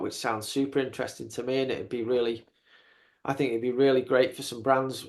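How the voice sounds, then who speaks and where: A man in his fifties hosting a podcast, chatting casually in a halting way, often repeating words. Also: medium pitch. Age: 50s. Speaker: podcast host. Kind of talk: casual interview chat.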